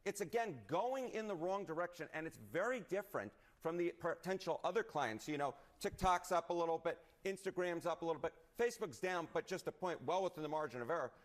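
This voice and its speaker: Measured male news analyst. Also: on the high side, expressive. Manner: measured, explanatory. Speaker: political data analyst.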